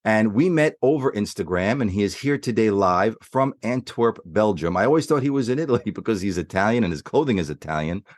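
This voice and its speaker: Low voice guy hosting a podcast, dead dry mic, eager and full of compliments. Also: animated, a little fast, few pauses, no echo. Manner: enthusiastic, complimentary. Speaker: podcast host. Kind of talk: casual interview.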